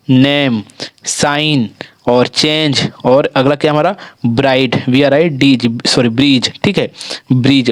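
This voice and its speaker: A man teaching English spelling in a slow classroom lesson, spelling words out letter by letter and often repeating "theek hai". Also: medium pitch, no room sound, studio quality.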